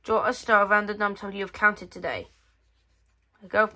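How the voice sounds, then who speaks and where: A little fast and flat, her medium-pitched voice sounds pushed and bright. She's a female host flipping through a magazine on an indoor tabletop, reading portions aloud and commenting casually page by page, with hesitant, reworked phrasing.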